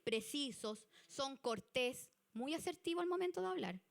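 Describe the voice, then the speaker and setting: A woman with a Chilean Spanish accent giving a church youth leadership lesson, chatty and animated. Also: sits high, moderate pace, gravelly. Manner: chatty and animated, acts out example people.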